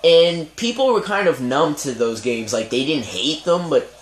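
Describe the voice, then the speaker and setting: A man's voice: on the high side, lively intonation, normal speed. Opinionated young man in an echoey room. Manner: opinionated, rambling, hedges with "I mean". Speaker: podcast host. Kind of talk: casual gaming discussion. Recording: echoey room with faint noise.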